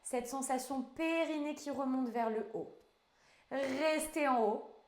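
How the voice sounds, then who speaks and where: A woman's voice: sits high, slow pace. A woman instructor leading an online pilates class in French, counting out reps and giving short commands. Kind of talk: guided fitness class instruction. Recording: echoey room, voice from afar.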